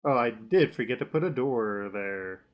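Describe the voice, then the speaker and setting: A man's voice: medium pitch, animated, normal speed, highs cut off. A man acting as game master, casually narrating a tabletop game and chatting with the players.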